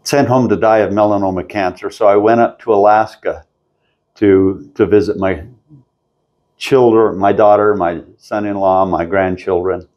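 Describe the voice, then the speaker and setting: An older man telling his story as an interview guest at a convention, slow and halting, often stopping to clear his throat. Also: on the low side, steady tone, lo-fi sound. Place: convention floor.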